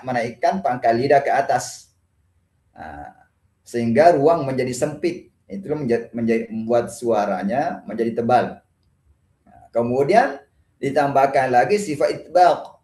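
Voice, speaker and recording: A man's voice: medium pitch, darkish tone. A man teaching Quran pronunciation with an Indonesian accent, explaining patiently and demonstrating letter sounds by repeating syllables. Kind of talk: religious lesson on pronunciation. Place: mosque hall. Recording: echoey mosque room.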